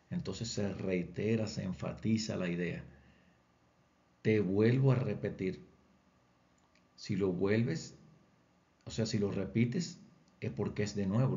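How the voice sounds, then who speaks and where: Male Bible teacher, mellow low voice, methodical lecture delivery, muffled recording. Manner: patient, repeats points with examples. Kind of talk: explanatory lecture.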